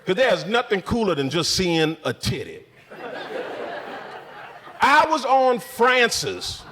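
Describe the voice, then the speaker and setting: A man doing a profane, ranting stand-up set in a comedy club, mocking people in shouted put-on voices. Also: high-pitched, wildly swooping pitch, takes it slowly, in a large hall, slight background noise. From Spokane area resident since 2001.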